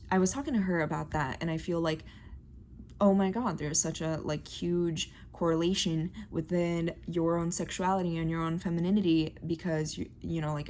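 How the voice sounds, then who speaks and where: Young woman from Brazil, Portuguese speaker, hesitant and rambling in a casual diary vlog, low-pitched, faint background noise. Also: darkish tone. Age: young adult. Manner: rambling, hesitant, many fillers. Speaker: vlogger.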